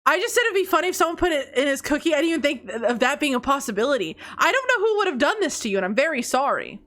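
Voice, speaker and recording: A woman streamer with a stuffy nose chats casually with her viewers, reading out confessions in a very animated, rapid-fire, fairly bright voice. She's playful and teasing, laughing often and swinging from high squeals to low mutters.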